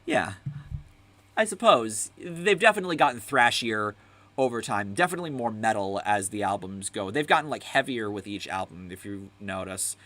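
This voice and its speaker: A man's voice: lowish voice, expressive, moderate pace, bright, forceful tone. A young man hosting a casual music tier-list chat, rambling and enthusiastic, full of fillers, swearing now and then. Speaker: host.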